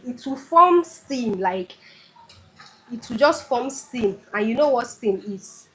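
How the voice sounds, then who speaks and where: A woman with a Nigerian Igbo accent talks through a home cooking lesson at an unhurried, deliberate pace. She is chatty and keeps repeating her key points for emphasis. A faint hiss of noise sits under her voice. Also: medium pitch, fairly bright tone, poor audio. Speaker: cooking channel host. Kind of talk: casual cooking tutorial.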